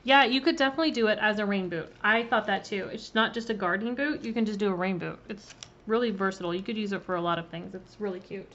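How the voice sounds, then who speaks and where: Friendly woman instructor on a live stream, mid-pitched, slightly muffled laptop audio with a faint hiss. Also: fast, fairly bright tone. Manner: chatty, greets viewers by name, filler ums. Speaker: cookie decorating instructor. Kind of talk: casual live-stream demonstration. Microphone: laptop mic.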